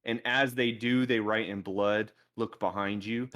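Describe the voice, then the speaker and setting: Animated storytelling podcast co-host man. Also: fairly low pitch, unhurried. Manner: animated storyteller, laughs easily. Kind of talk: casual chat.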